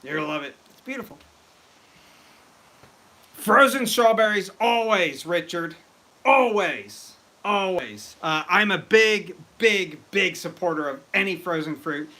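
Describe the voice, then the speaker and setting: A man hosting a casual live stream about brewing mead, excitable and rambling as he chats with viewers. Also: sits high, measured pace. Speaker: livestream host.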